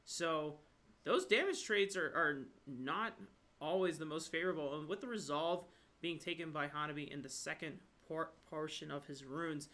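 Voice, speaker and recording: Bright-voiced man casting an esports match. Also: normal speed. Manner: excitable, rises sharply in pitch at surprises. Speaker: esports caster. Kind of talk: live esports commentary. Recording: brief connection dropouts.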